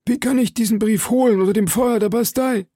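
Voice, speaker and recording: A man's voice: high voice, fairly quick, warm tone, breathy edge, no room sound, studio quality, pitched above the performer's own voice. A man voicing a wounded, frightened soldier and hired assassin who pleads and stammers, weak from blood loss. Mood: pleading. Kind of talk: audiobook character reading.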